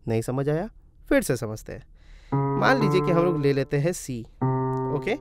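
A man's voice: a little high, big pitch swings, measured pace. A man teaching music theory step by step in a casual tutorial, asking and answering his own questions and calling viewers brother. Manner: calls viewers "brother" in friendly chat. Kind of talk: casual screen-recorded tutorial.

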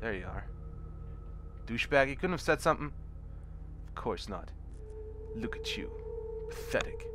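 A young man with a stuffy cold casually comments on his gameplay as a let's play commentator, swearing and sarcastically mocking enemies. His voice is medium-pitched and expressive at normal speed with long pauses. It's a home recording over music, with clear background noise.

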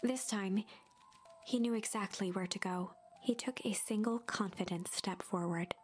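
A woman voicing a calm storybook narrator for a game, soft and at times whispery, with faint music behind. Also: mid-range voice, measured pace, lightly acted. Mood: hushed, calm.

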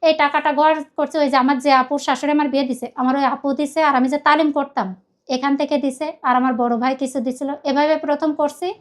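A middle-aged woman with a Bangladeshi accent, a guest telling her life story, gives an emotional personal account, earnest and rambling, often repeating herself. Her voice is high, with fairly even intonation, and she talks fast.

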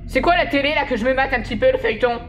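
A woman's voice: sits high, racing, faint music behind. A woman commenting on a horror game as she plays, jumpy and exclamatory, often laughing through nervous reactions. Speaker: gaming video host.

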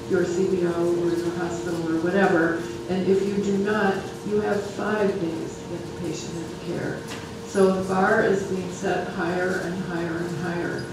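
A speaker presenting data at a health planning council meeting, often restarting sentences. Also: medium pitch. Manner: halting, many restarts. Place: large meeting room. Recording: echoey room from far off, noisy.

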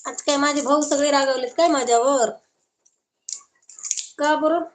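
On a live stream, a woman from Maharashtra chats casually, reading viewers' comments aloud and answering each one with affection. Her voice sits high and her pace is unhurried, with a little background noise.

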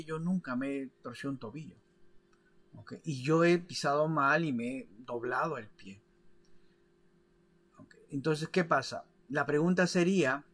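A man's voice: fairly high pitch, a bit bright. Man teaching, checking in with "ok?". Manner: didactic, checks in with frequent "¿ok?" and "¿de acuerdo?"; demonstrates with his hands while explaining. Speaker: biodecoding teacher. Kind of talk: explanatory video lesson.

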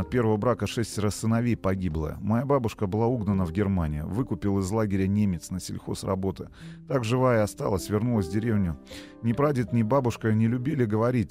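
A male radio host reads listeners' messages aloud at a slow, steady pace. His voice is lowish and mellow, with a dark, warm tone. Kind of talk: reading listener messages on air.

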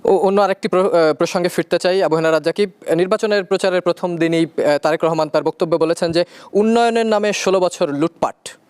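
Fast high-voiced male interviewer. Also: a little mellow, clean tone. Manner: quick, probing questions with fillers. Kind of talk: news interview questioning.

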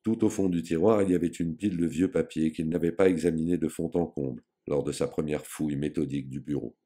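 A man narrating an audiobook in a steady, measured storytelling manner. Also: very deep voice.

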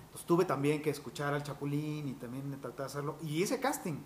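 Fast-talking voice actor. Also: male voice, fairly high pitch, slight background noise. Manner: animated, quick anecdotal storytelling with fillers like "este". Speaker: voice actor guest. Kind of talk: interview storytelling.

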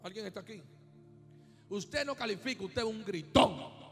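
A man from Colombia preaching a sermon as pastor, swinging from hushed asides to shouted, sung-out climaxes. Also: high-pitched, normal speed, in a large hall, soft background music.

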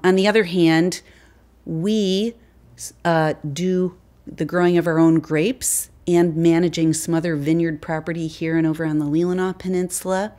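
A woman in her fifties with a notably low voice talks through her winery's wines in a seated interview. She speaks in a relaxed, conversational way, with easy pauses and fillers. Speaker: winery wine specialist. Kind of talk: sit-down interview answers. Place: indoor winery tasting room.

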